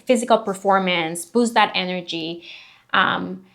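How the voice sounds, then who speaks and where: A woman's voice: fairly low pitch, unhurried, creaky, a bit bright. A woman co-hosting a casual podcast, explaining ingredients at length with frequent fillers and restarts. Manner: explanatory, hedging with many fillers. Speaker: co-host. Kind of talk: casual product review chat.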